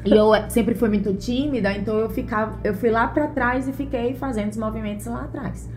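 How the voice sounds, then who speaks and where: With faint music behind her, this interview guest from Bahia, Brazil, a mother who was once a gymnast, speaks in a steady, slightly fast, somewhat high voice with a darkish tone. The conversation is relaxed, and she answers earnestly and thoughtfully, often using fillers.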